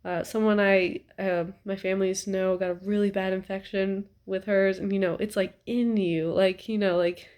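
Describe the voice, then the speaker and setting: A young woman chats to the camera from her couch at home in an easy, rambling way, filling pauses with ums and likes. Her voice sits at an ordinary middle pitch and sounds a little stuffy. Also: little pitch movement, a little mellow, smooth. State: stuffy nose. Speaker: vlogger. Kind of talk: casual chat to camera.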